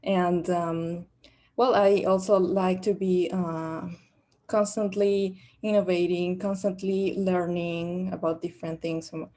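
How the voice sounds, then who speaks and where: A young Peruvian woman answers questions in a practice job interview, speaking English as a second language with a Peruvian Spanish accent and plenty of fillers and restarts. Her voice sits on the low side, warm and level, at a slow pace.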